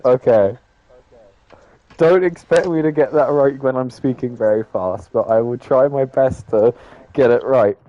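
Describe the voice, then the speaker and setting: A man hosts a casual racing stream and keeps stumbling through "I mean" and "um" as he talks. His voice is mellow and dark. The audio is dull and lo-fi, like a streamed voice chat. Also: medium pitch, a little slow. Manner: filler-heavy, rambling, frequent "I mean". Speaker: host of sim racing league broadcast. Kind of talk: casual post-race interview.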